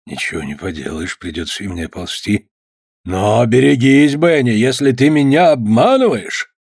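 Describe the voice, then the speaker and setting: Man reading it, doing a low grumbly farmer dad, husky and dry, storybook style. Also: moderate pace, a little mellow, no room sound. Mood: gruff. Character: grumbling middle-aged farmer father.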